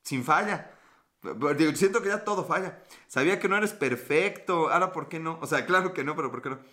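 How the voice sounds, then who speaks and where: A man's voice: fairly high pitch, brisk, pushed and bright. A man with a Mexican accent hosting a livestream podcast, chatting casually and reading viewer comments with profane, teasing, flirty banter. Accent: Mexican Spanish.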